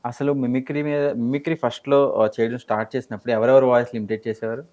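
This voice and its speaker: A male studio interviewer with a mid-range voice asks brisk, polite questions. He talks quickly, and the recording sounds dull and lo-fi. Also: mid-range voice, little pitch movement, a little mellow. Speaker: interview host.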